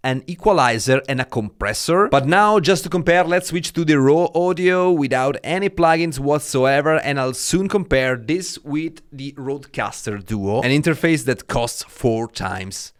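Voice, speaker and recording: A man's voice: fairly high pitch, moderate pace, hardly any pauses. Italian-accented man reviewing tech gear casually. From Italy. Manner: chatty, many fillers like "uh" and "like". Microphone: dynamic studio mic through an audio dock.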